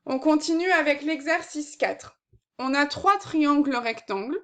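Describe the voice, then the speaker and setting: A woman's voice: high-pitched, unhurried. A woman maths teacher giving a recorded lesson, explaining patiently step by step with frequent fillers.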